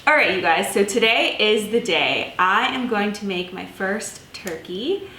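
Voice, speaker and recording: Excitable young woman in an echoey kitchen. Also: mid-range voice, a little slow, faint music behind. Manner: excitable, squeals and swears often. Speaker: vlogger. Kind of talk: casual cooking vlog. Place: home kitchen.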